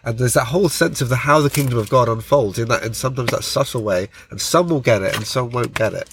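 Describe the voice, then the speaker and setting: A man's voice: mid-range voice, fast talker, a bit bright, a little hiss or hum. A man co-hosting a conversational podcast in a car park, explaining things earnestly with frequent digressions. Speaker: podcast co-host.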